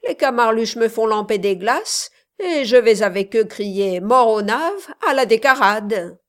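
A woman's voice: a little high, expressive. A woman voicing a cocky young male street tough who rattles off boastful slang in a storybook reading. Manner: boastful, rapid slang patter.

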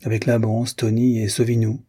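A man's voice: lowish voice, monotone, normal speed, dark tone, husky. Man reading as a deferential male servant. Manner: brief and deferential. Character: dutiful male household servant. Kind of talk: audiobook reading.

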